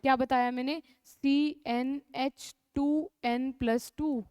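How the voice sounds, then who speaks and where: A woman's voice: sits high, steady tone, slow pace, darkish tone, smooth, dry recording. A young woman with a North Indian accent teaching a chemistry class, repeating key terms and answering her own questions. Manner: calls students "beta", coaxing. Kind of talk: classroom lecture.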